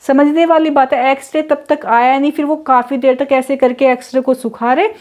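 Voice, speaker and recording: A woman's voice: high-pitched, fairly even intonation, moderate pace, darkish tone. A woman in her thirties, a mother and vlogger, telling a story to camera in an indignant tone and putting questions straight to her viewers. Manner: indignant, rhetorical, addresses viewers directly.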